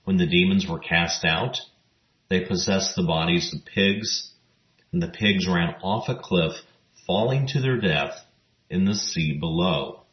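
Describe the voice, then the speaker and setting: A man giving scripted Bible teaching narration, reading scripture verses in a measured, even way. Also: sits low. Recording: roomy, dull lo-fi recording.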